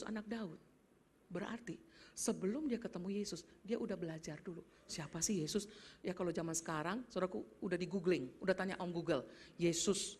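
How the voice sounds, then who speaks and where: A woman pastor preaching in a lively, conversational way, often addressing the congregation directly. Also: fairly low pitch, slight background noise. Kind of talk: sermon.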